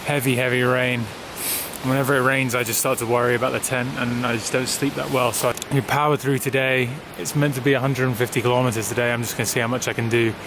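A tired young man, a touring cyclist, chatting casually to his camera outdoors by a highway and laughing often. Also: flat delivery, quick pace, background noise. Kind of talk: casual video diary.

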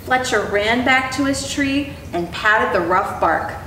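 A young woman reading a children's storybook aloud in an expressive, educator's style. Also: a little high, measured pace, slight background noise. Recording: echoey room, clear background ambience.

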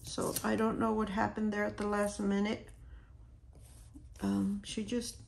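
Hoarse woman, slow, quiet near-whisper, gravelly, casual planner chat. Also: mid-range voice, monotone, a little hiss or hum. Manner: quiet, near-whispered, talks while sorting stickers. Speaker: planner vlogger. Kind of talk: soft-spoken planner decorating chat.

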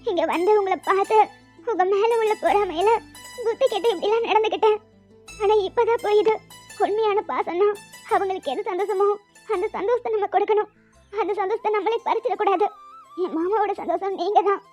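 A woman's voice: very high voice, a little fast, darkish tone. A woman voicing a remorseful, jealous young woman who talks in an earnest, pleading way. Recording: dull lo-fi audio with music.

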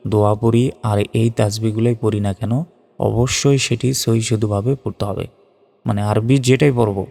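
A man teaching prayer pronunciation, spelling words out letter by letter and drawing the recitations out slowly. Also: lowish voice, vocal fry, warm tone, long reverb tail. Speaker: religious teacher. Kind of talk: instructional lesson on prayer pronunciation.

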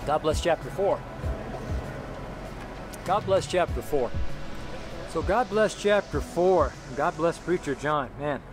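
A middle-aged street preacher with a slightly high, animated voice delivers an informal sermon to a handheld camera held close on a city sidewalk beside a brick wall. He speaks slowly and pauses often, rambling and repeating himself with lots of fillers and restarts. The noisy outdoor recording carries street traffic and some background music.

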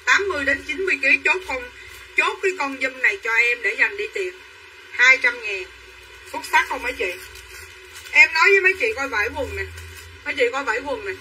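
A woman's high, bright, forceful voice moves briskly with lively intonation, broken by long pauses, as she pitches clothes on a livestream. She repeats her hard-sell lines and calls buyers by name. The mic is distant, the recording low quality with faint room noise.

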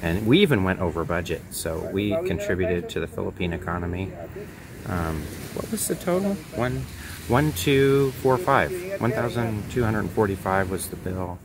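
A man's voice: low voice, normal speed, a crowd in the background. A man in his fifties chatting casually as he vlogs a beachfront restaurant at night, filmed on a phone held at arm's length. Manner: relaxed, chatty, recommending. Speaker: travel vlogger. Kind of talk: casual vlog narration. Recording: noisy outdoor phone recording.

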